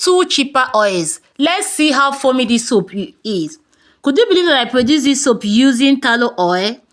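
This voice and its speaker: A woman with a Nigerian accent giving a brisk, chatty soap-making tutorial and talking straight to her viewers. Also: high voice, fairly bright tone. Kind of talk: casual tutorial talk.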